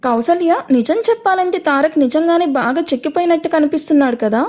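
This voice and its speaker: A woman's voice: sits high, animated, fairly quick, darkish tone, voice pushed up. A woman voicing a good-humoured middle-aged father in an audio story, playful and teasing.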